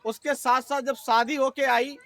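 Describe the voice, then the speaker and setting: A man's voice: extremely high pitch, steady tone, a little slow, pushed and bright. A man giving an earnest public speech at an organization's meeting and telling folksy stories to the audience. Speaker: speaker at an organization's review meeting.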